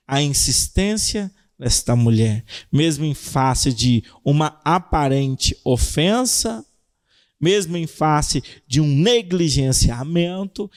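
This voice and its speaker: A young man with a Brazilian Portuguese accent preaching a youth sermon, animated, acting out cries and prayers as he teaches. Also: fairly high pitch.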